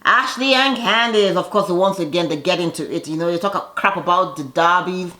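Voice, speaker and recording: Brisk and sharp, this woman's voice sits on the low side as she hosts a reality TV recap. She keeps it casual and chatty, sassy and gossipy, tossing in slangy asides and acting out quotes.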